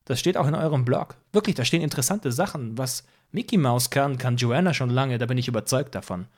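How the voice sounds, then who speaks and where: A man's voice: medium pitch, brisk, natural voice. A man voicing a pushy, self-assured male music-business boss in an audiobook. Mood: scheming. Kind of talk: audiobook character voice.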